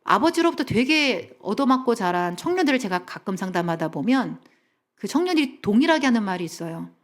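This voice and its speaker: A middle-aged woman counselor giving a lively seminar talk in a church. She has the audience repeat phrases after her and drops to a soft whisper for emphasis. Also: medium pitch, brisk. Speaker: family counselor, guest speaker.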